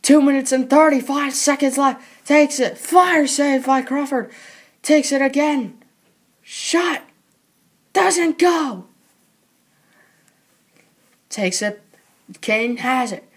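In short, clipped bursts, a commentator calls frantic mock hockey play-by-play, excitable and quick to raise his voice. The voice sits high.

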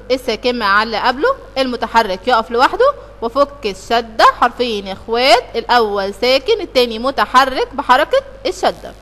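A woman teacher with an Egyptian Arabic accent leads children through an exam review. She works step by step, asks questions and answers them herself, and recites verses slowly. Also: high-pitched, fairly bright tone, long reverb tail. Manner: recites verses in a slow, drawn-out way.

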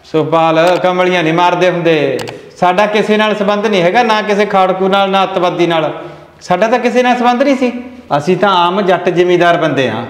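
An actor playing a middle-aged village farmer who pleads earnestly. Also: male voice, sits high, a little fast, lightly acted. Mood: pleading. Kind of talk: village family drama acting. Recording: echoey room with long reverb.

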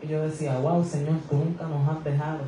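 A woman's voice: sits low, flat delivery, a little fast, dark tone, slight background noise. Earnest woman testifying in church. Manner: earnest, praising God between memories. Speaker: preacher giving testimony. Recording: echoey, from far off the mic.

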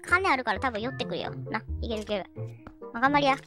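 A woman's voice: on the high side, fast. A woman with a Kansai accent commentating a game, chatty and teasing, talking to the characters on screen. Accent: Kansai Japanese. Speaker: game streamer. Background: loud game music.

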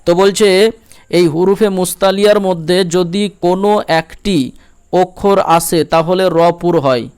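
A man teaching Quran reading step by step, repeating each rule, asking if it's clear and sounding out letters. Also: high voice, fairly even intonation, moderate pace, darkish tone. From India. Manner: repeats rules, asks "ঠিক আছে?" and demonstrates sounds. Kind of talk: step-by-step recitation lesson.

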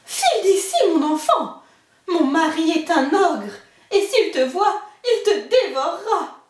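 High, urgent ogre's wife read by a woman. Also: sing-song, unhurried, heavily acted. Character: ogre's wife, tall woman, anxious but kind. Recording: roomy, mic far off.

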